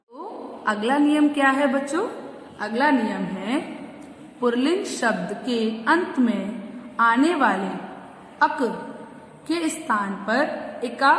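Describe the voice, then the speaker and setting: Woman teacher, slow deliberate delivery, raised pitch, echoey room with long reverb, faint hiss. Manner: repeats word pairs, asks and answers her own questions. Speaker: school teacher. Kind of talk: slow grammar lesson for children.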